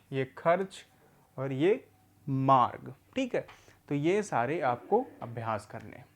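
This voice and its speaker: A man teaching a recorded adult literacy lesson, patiently asking questions and answering them himself, repeating words slowly for learners. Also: on the high side.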